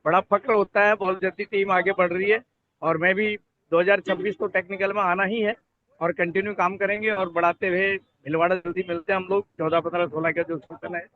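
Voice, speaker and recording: A man's voice: sits high, little pitch movement, brisk. A senior team leader, a man, giving brief, gracious and thankful remarks over a call. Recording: tinny phone-like call line.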